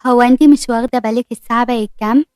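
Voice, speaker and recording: A woman voicing a calm, helpful teenage boy, speaking matter-of-factly with an Egyptian accent. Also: on the high side, very fast, clear, resonant tone, no room sound, clean studio sound, natural voice.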